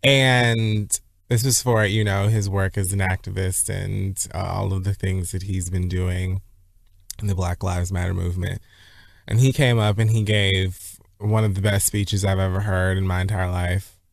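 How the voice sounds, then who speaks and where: Low-voiced man co-hosting a podcast. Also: little pitch movement, unhurried, creaky. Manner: playful, campy, swearing freely. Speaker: podcast co-host. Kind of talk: casual chat and ad read.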